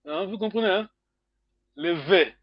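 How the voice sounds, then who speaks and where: A man with a high voice teaching slowly, pausing often with hums as he quizzes his class. The audio is dull and dry, with no room echo. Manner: slow, questioning students, many hmm fillers. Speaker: Kikongo language teacher. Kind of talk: online group lesson.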